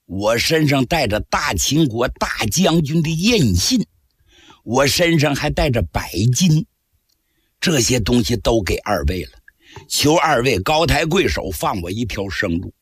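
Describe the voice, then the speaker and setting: A man voicing a cunning captured general who pleads and bargains in a low, wheedling voice, in traditional storytelling. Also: big pitch swings, unhurried, husky, no room sound, studio quality. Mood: bargaining. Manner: low, wheedling, slyly persuasive. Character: captured male enemy general, cunning, pleading then menacing.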